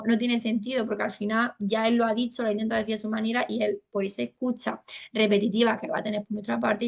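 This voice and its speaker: Spanish-accented woman therapist, slightly high pitch, fry on phrase ends, chatty, patient teaching tone. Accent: Spain Spanish. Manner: colloquial, explaining patiently to parents. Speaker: speech therapist. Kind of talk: family training talk.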